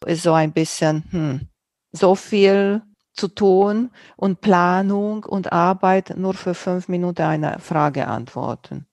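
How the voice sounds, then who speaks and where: Interviewed as a guest about the podcast she hosts, a woman with a Romanian accent chats in German, her second language, using loose sentences, non-native grammar, and pauses to find words. She takes it slowly in a fairly low, darkish voice, with studio-quality sound and no echo.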